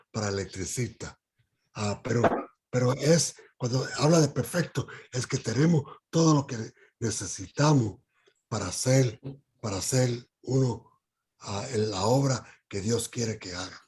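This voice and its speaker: A man leading a Bible study. He speaks haltingly, with many fillers and restarts, and puts questions to the group. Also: medium pitch, darkish tone, husky.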